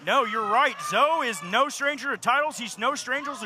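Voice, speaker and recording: High-pitched, excited male wrestling announcer. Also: moderate pace. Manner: forceful wrestling announcer calls, often shouted. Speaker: wrestling commentator. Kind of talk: excited play-by-play wrestling commentary. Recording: noisy live arena recording.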